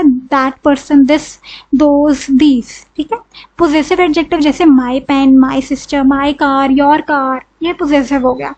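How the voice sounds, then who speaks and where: A muffled recording captures a woman with an Indian accent and a high, darkish voice teaching grammar. She explains each step, answers the questions she raises, and says "ठीक है" frequently.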